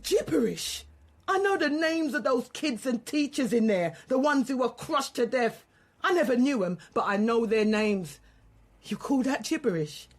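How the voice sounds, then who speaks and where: Speaking at normal speed in a slightly high, expressive voice, the same kind of role comes through: an actress as a grieving, angry mother facing police questions in a naturalistic radio drama. She's defiant and colloquial, sounding indignant and hurt.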